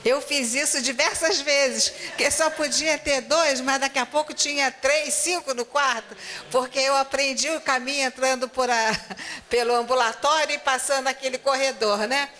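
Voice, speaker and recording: A woman's voice: sits high, steady tone, pushed and bright. A woman making a light-hearted confession to a church class, chuckling as she speaks. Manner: slow, chuckling asides. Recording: reverberant church hall.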